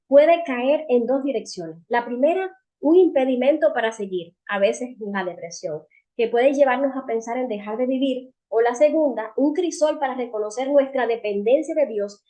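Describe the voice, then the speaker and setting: Woman speaker, warm, slightly high voice, earnest devotional teaching that speaks straight to her listeners. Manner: earnest, asks the audience rhetorical questions; addresses listeners directly as friends and sisters. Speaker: women's seminar speaker.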